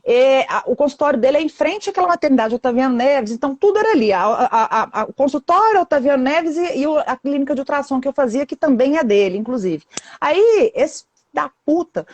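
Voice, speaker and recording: A woman's voice: high-pitched, animated, fairly quick, a little mellow, no room sound. A woman in her thirties on a live video call, telling a painful story with intensity and acting out what people said to her. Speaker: guest sharing her story. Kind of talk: emotional live chat.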